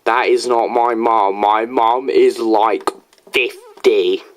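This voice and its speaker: A teenage video reviewer talking casually while reacting to a video, animated and jokey, sometimes dropping to a mumble. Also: medium pitch, slow pace, a little hiss or hum.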